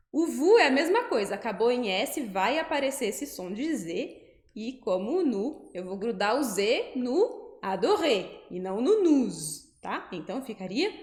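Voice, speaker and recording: A Brazilian Portuguese-speaking woman teaching French pronunciation, slowing down to spell out syllables. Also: a little high, roomy sound. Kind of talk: pronunciation lesson.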